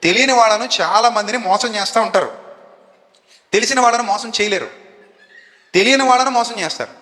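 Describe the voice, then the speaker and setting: Bright high-voiced man preaching in an echoey hall. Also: a little fast. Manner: fires questions at the congregation and has them answer. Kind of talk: sermon. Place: church hall with a live congregation.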